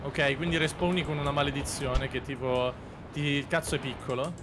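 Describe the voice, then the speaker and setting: A man playing along as a guest on a live gaming stream, excitable, swearing often and yelping in panic. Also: fairly high pitch, brisk, music in the background. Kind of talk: casual gaming chat on a livestream.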